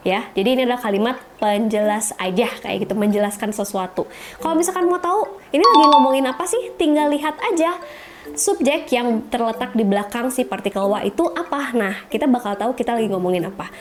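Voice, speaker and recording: A woman's voice: a little high, fast talker. A woman teaching Japanese in a casual video lesson, chatty and often asking her viewers rhetorical questions.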